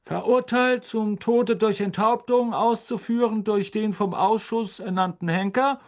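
Man voicing stiff, officious minister, raised pitch, loud delivery. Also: measured pace. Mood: reading decree. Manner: formal, bureaucratic reading. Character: pompous male minister reading a decree.

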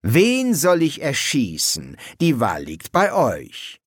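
A male audiobook reader voicing a gloomy vampire soldier who talks in a cold, clipped way and sometimes bursts out shouting. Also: medium pitch, expressive, measured pace, no echo, studio quality. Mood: menacing. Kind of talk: audiobook character voice.

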